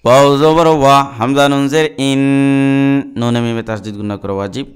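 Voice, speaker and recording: A man teaching Quran reading, spelling out letters and vowels one by one and then chanting the words slowly. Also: medium pitch, smooth. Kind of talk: step-by-step recitation lesson.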